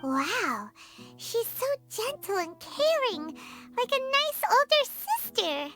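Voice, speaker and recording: Game casting: an excitable little fairy companion, squeaky, cute, very high and swooping. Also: female voice, takes it slowly, faint music behind, exaggerated voice. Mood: cheeky, chatty. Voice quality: squeaky, childlike. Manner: cutesy, exclamatory, refers to self in third person. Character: tiny floating fairy companion, childlike, excitable, speaks in third person. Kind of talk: video game character acting.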